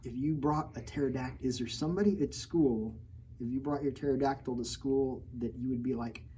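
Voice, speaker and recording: Speaking fairly quickly in a medium-pitched, dark voice, a man reads his picture book aloud to kids, addressing them directly with jokes and playful asides. He puts on mock outrage at his own tale. The recording is low quality, with slight background noise.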